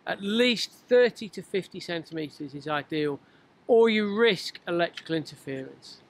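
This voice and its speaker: A middle-aged man, a mountain guide giving clear, upbeat instructions outdoors. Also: high voice, animated, normal speed.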